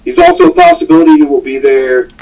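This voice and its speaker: A man's voice: a little high, wildly swooping pitch, fast talker, gravelly, darkish tone. A man chatting casually on a call, hesitant with many fillers and restarts. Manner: hesitant, lots of ums and restarts. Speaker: guest caller on a stream. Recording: dull, distant call audio with faint music.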